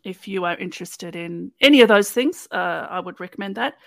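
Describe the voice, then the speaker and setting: A woman's voice: mid-range voice, fairly quick, vocal fry, fairly bright tone, dry recording. A woman hosting a podcast, walking through an episode in a playful, chatty storytelling way. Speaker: podcast host recapping episodes. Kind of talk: casual chat, episode recap.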